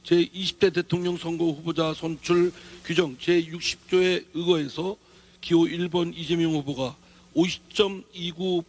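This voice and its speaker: A man with a high-pitched voice delivers a formal results announcement. He reads deliberately and officially, as an election official on stage. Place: political convention stage.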